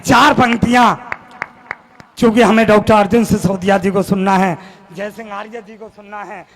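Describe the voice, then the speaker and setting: A man reciting his own verse on stage at a poetry gathering, declaiming in a fiery, impassioned style, repeating and shouting key lines. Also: sits high, fairly even intonation, moderate pace, a little hiss or hum, rough recording.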